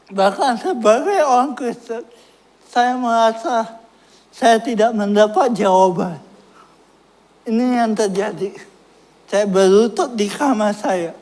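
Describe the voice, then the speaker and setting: Slow-talking man giving a sermon testimony. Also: extremely high pitch, a little mellow. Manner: self-mocking, laughs at his own story.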